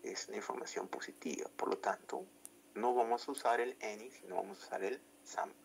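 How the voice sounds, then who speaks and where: A man's voice: fairly low pitch, steady tone, brisk, creaky, a little hiss or hum, poor audio. A man teaching an English grammar lesson, explaining step by step and often checking that students follow.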